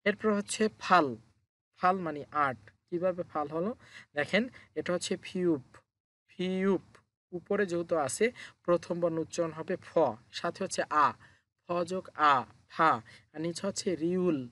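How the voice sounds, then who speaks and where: Man teaching, slightly high voice. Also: fairly even intonation, normal speed, fairly bright tone. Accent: Bangladeshi Bengali. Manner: asks and answers his own questions, repeats each sound. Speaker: Korean language teacher. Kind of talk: step-by-step language lesson.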